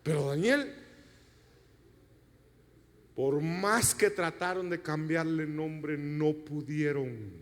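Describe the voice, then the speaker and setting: A pastor delivering an emphatic sermon, addressing the congregation directly and asking them rhetorical questions. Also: male voice, on the high side, slow, pauses often. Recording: long reverb of a church hall.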